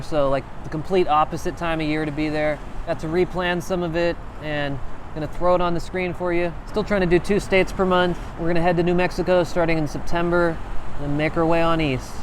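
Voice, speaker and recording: A man's voice: a little high, a little hiss or hum. A man narrating a casual travel vlog, chatty and informal, talking straight to his viewers. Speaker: travel vlogger.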